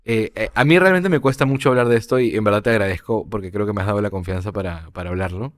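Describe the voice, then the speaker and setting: A young man, a podcast guest telling a personal story in a halting, reflective way, often repeating words. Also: fairly low pitch.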